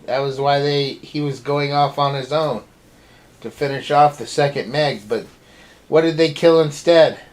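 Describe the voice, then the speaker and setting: A woman's voice: low-pitched, a little slow, darkish tone. A woman in a casual movie review who recaps the plot and quizzes her partner with questions.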